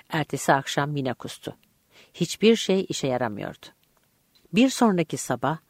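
An audiobook narrator reading a first-person story aloud in an expressive, vivid way. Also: medium pitch, no room sound, studio quality.

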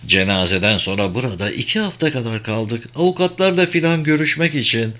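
A man's voice: medium pitch, animated, fairly quick, a bit bright, lightly acted. A man voicing a young grieving woman in a raised, lighter voice while reading a novel. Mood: explaining.

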